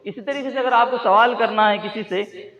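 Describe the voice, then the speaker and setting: In a dull, lo-fi classroom recording, a male Arabic teacher drills his students, asking them for a phrase before repeating and explaining what they say. His voice is very high-pitched and a bit bright, with fairly even intonation, and the students can be heard around him.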